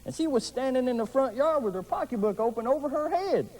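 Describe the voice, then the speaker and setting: A man's voice: very high voice, animated, fast, darkish tone, low-quality recording. A man playing a goofy, dim-witted, lecherous sidekick in campy horror host comedy, with silly wisecracking patter. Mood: sheepish.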